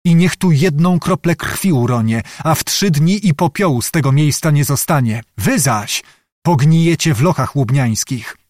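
A man's voice: fairly high pitch, lively intonation, moderate pace, a little mellow, no room sound, lightly acted. Male reader as a stern young noble officer, commanding, unshaken, close dry sound.

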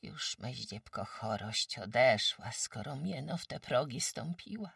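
A woman's voice: rumbling low, expressive, a little slow, creaky, a bit bright, slightly rough, no room sound, studio quality, recorded from a distance, exaggerated voice. A woman voicing a frail, sick old peasant woman who talks weakly and apologetically in rustic speech. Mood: meek, grateful.

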